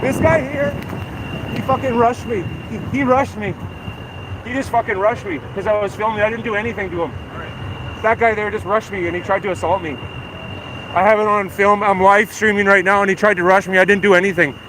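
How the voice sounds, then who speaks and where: A high-voiced man streams live from a city street. He is combative and agitated, swearing and repeating his points over clear street and vehicle noise. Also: steady tone, a little fast. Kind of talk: live street vlog, confrontational talk. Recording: noisy outdoor street livestream. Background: loud street and vehicle noise.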